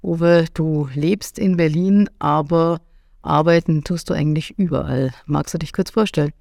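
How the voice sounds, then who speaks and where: A woman hosting a podcast, asking calm, curious interview questions. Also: low-pitched, normal speed, gravelly, no room sound, studio quality. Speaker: podcast host.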